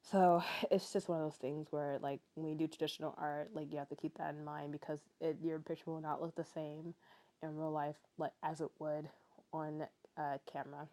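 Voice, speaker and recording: In a low, warm voice with a level tone and normal pace, a tired twenty-something vlogger gives casual voice-over narration. She's a native English speaker who rambles chattily, using many fillers and laughing lightly.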